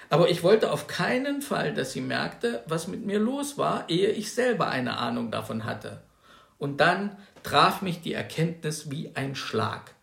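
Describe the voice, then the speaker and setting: A man reading a novel aloud, telling a first-person story in an animated way. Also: fairly high pitch, vocal fry, roomy sound. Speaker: reader. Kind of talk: literary reading.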